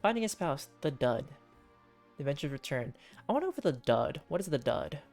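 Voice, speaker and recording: Lady streaming a game w viewers, deep-ish voice, chatty and playful, kinda halting, music playing behind. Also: very animated, vocal fry, a little mellow. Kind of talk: casual livestream game commentary.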